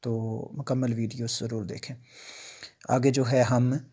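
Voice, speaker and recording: Guy with type doing a tajweed lesson, pretty monotone, lots of uh pauses between rules. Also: mid-range voice, slightly rough. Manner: slow drawn-out recitation, then plain explaining talk with many "uh" pauses. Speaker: Quran recitation teacher. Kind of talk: tajweed lesson, recitation with explanation.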